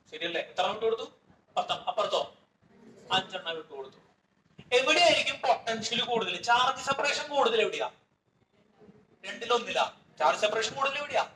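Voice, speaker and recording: Brisk, bright-voiced chemistry teacher. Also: male voice, high voice, recorded from a distance. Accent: Malayali. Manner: quizzing, repeats questions, scolds the class. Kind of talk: classroom lecture with questions to students. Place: classroom. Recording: echoey classroom with faint noise.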